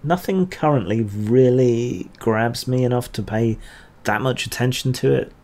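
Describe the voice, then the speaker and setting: A man's voice: mid-range voice, a little slow, a little mellow. A man answering chat questions on a casual livestream, rambling and hesitant with dry asides.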